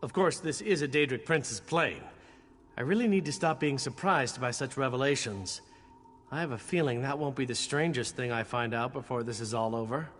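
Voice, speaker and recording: A man with a mid-range, slightly bright voice plays a cocky, sardonic knight in a video game, a jaded but charming adventurer who talks in a flippant, teasing, wry way at a moderate pace with light acting. The recording has a faint hiss or hum, long hall reverb, and music in the background.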